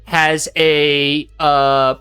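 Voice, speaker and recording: A man running a tabletop game as game master, talking casually and haltingly as he thinks aloud. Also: on the high side, flat delivery, pushed and bright, smooth. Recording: faint music behind.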